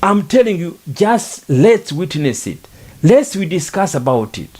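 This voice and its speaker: Middle-aged man, podcast monologue, earnest and repetitive, slow delivery. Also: sits high, very animated, warm tone. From Rwanda. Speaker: podcast speaker. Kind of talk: reflective monologue on faith and culture.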